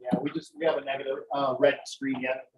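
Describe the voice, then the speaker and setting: A man's voice: mid-range voice, level tone, a little fast, slight background noise. A man speaking casually while coordinating a technical call setup, recorded in a roomy, echoing space. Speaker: crew member setting up a video call. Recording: roomy, echoing indoor sound.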